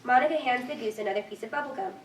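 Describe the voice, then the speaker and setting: A woman serving as narrator at a staged reading reads the scripted stage directions in a slightly high voice, racing along. The recording sounds distant, in an echoey room with faint noise.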